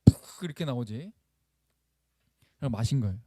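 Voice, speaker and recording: A man preaching a lively sermon, asking the congregation questions and acting out the voices of the people in the story. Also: mid-range voice, moderate pace, no room sound, studio quality. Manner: animated, acts out quoted voices, asks the congregation questions; admits using blunt speech when excited. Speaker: pastor.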